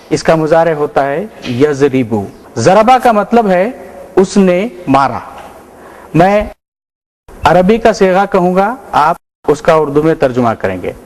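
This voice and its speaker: A man leading a call-and-response grammar drill, calling out Arabic verb forms crisply for a class to answer. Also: fairly high pitch, darkish tone, rough recording. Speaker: practice drill leader. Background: class answering in chorus.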